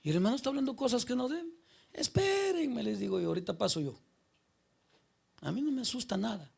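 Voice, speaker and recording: A man's voice: high voice, fast talker, vocal fry, breathy edge. A man preaching a conversational sermon in church, often calling out to listeners by name with rhetorical questions. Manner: keeps questioning the congregation by name, rhetorical and animated. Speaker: pastor.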